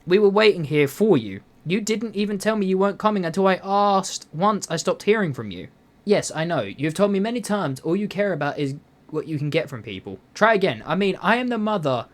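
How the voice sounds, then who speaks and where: A young man reads reddit posts and reacts to them, swearing freely and drifting into rambling asides. His pitch swings widely, climbing and dropping as he goes. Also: expressive, brisk. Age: young adult. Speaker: YouTuber. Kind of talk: reading reddit posts with commentary. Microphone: voice-over over gameplay footage.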